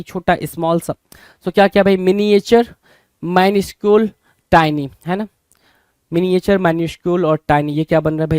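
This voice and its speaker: High-voiced teacher, dry close sound. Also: male voice, darkish tone, clean tone, no room sound. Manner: repeats questions to the class, addresses viewers as bhai. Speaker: vocabulary teacher. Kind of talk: Hinglish exam-prep lesson.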